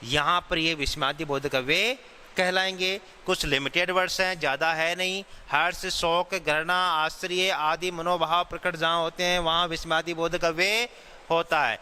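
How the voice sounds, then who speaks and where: A man teaching grammar, explaining slowly, repeating key phrases and answering his own questions. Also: fairly high pitch, steady tone, bright, forceful tone, clean tone. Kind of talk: classroom-style grammar lesson. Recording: long hall reverb.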